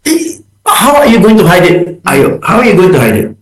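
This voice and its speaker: A man guesting on a radio talk show, speaking emphatically with a slightly raised pitch. He keeps asking rhetorical questions and slips English phrases into his speech, and the sound carries a roomy echo. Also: very animated, moderate pace.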